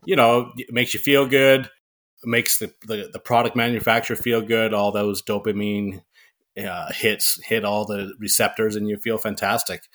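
A man's voice: on the low side, level tone, moderate pace, a bit bright. A man chatting casually as a podcast guest, with a wry, self-deprecating sense of humour. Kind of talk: casual chat. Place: barn.

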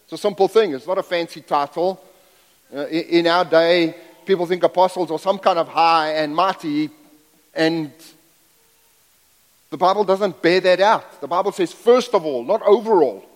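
Speaking at a moderate pace in a fairly high voice, a middle-aged guest preacher from Zambia, brought up in South Africa, delivers a sermon. He is homespun and self-deprecating, often wandering into side remarks. The church sanctuary lends a long reverb.

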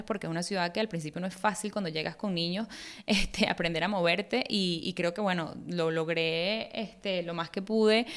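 A woman in her thirties from Venezuela with a Venezuelan accent, hosting her podcast and telling her own story in a chatty way, with many fillers and restarts. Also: fairly low pitch. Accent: Venezuelan Spanish. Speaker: podcast host. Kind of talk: casual personal monologue.

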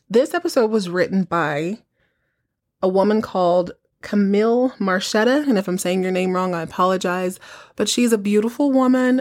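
A woman podcast host giving an informal, conversational recap, telling the story with rhetorical questions and asides to the listener. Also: medium pitch. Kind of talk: casual chatty episode recap.

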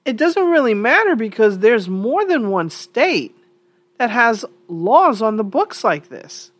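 A woman with a lowish voice hosts her own solo opinion podcast, still a bit congested from a cold. She's conversational and opinionated, thinking aloud with fillers, and there's no echo.

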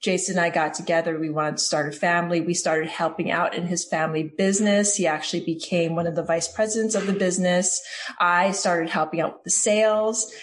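A woman in her forties from Hawaii, a guest on a podcast, telling her story at length. She talks warmly and loosely, with fillers and restarts. Her voice sits a little low for a woman. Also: steady tone, a little fast. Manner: warm, storytelling, with fillers and self-corrections. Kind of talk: interview answers.

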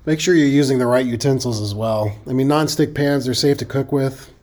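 A man's voice: mid-range voice, fairly quick, a little mellow. A middle-aged man with a Midwestern accent, hosting a safety podcast in a folksy, conversational monologue that now and then corrects itself.

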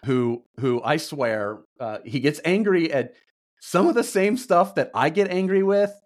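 A middle-aged man co-hosting a podcast in casual chat, with relaxed, easygoing banter. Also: fairly high pitch, a little slow, dry recording, studio quality. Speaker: podcast co-host.

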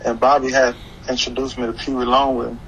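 A Haitian-born hip-hop artist in Florida, a young adult who moved to the US at eleven, chats casually as an interview guest. His medium-pitched, slightly bright voice has a flat delivery and a fairly quick pace, and he's slangy, repetitive and keeps saying "you know what I'm saying." Background noise is clearly audible.

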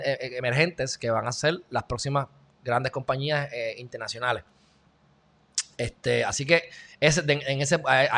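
A man from Puerto Rico with a medium-pitched, somewhat bright voice hosts a video. In his Puerto Rican Spanish accent, he riffs on the news for his viewers, keeping it loose and chatty with joking asides.

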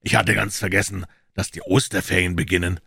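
A man voicing a calm, quiet male investigator in a storybook reading, with low, measured questions. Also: gravelly, breathy edge, dry recording, studio quality, exaggerated voice.

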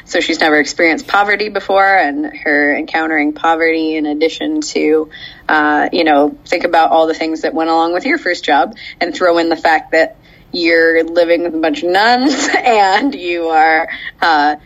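In a low voice with fairly even intonation and normal speed, a woman co-hosting a podcast recaps a show at length in casual chat, with many ums and frequent laughs. The recording sounds dull and lo-fi.

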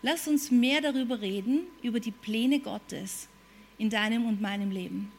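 Woman preaching, high voice, keeps repeating stuff and asking the crowd questions. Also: normal speed. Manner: emphatic, repeats phrases and asks the audience questions. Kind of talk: sermon.

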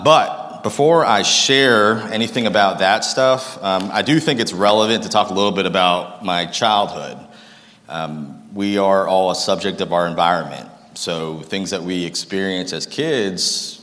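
A man's voice: low voice, fairly bright tone. A man in his thirties from Massachusetts, telling his life story to an audience in a casual, self-deprecating way and joking with the crowd. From Massachusetts, United States. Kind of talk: personal testimony talk to an audience. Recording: long reverb of a large room.

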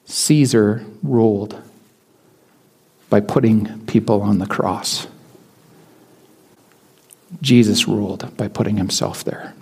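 A man's voice: fairly low pitch, steady tone, slow, vocal fry, long pauses, a little mellow, slightly rough. A man preaching a sermon as a pastor, in a conversational way with frequent restarts and repeated words.

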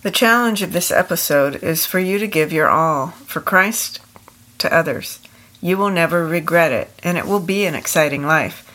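Low-voiced older woman, steady podcast co-host. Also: moderate pace.

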